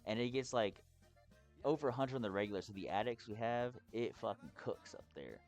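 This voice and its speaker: A man from Texas giving a casual, rambling explainer vlog as a hobbyist, sounding drunk, halting and swearing freely. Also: fairly low pitch, lively intonation, a little mellow, soft background music. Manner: tipsy, rambling drunk talk with halting phrases and heavy swearing. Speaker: hobbyist presenter.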